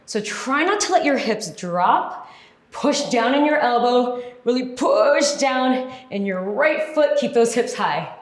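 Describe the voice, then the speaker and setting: An aerobics instructor leads a workout with short, encouraging commands and counted-out moves. Her fairly high voice is expressive and slow-paced, and the sound is echoey and roomy.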